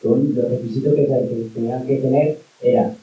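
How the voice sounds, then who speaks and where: The man, a Colombian panelist and migrant activist, speaks at a medium pitch and moderate pace with fairly even intonation, yet argues heatedly and leans on "o sea" and "en plan." The sound is phone-quality, recorded from a distance in a roomy hall with a slight hiss.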